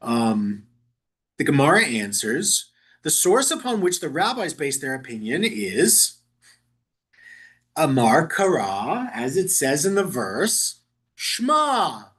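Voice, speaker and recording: A man's voice: fairly high pitch, sing-song, takes it slowly, a bit bright. A man leading a synagogue Talmud study group in a chatty, informal teaching style, often amused by the text and stumbling over Aramaic words.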